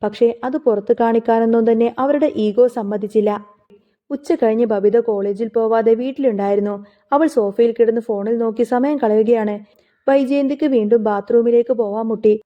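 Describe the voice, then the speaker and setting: A woman's voice: fairly high pitch, normal speed. A woman narrating a family drama story in an emotive, dramatic telling. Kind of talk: storytelling serial recap. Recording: phone-like narrow sound.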